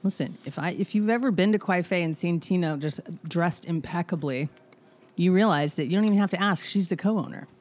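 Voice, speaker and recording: Female podcast host, lower pitch, joking and profane. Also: darkish tone. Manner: playful, profane, quick to tease. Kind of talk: casual podcast chat.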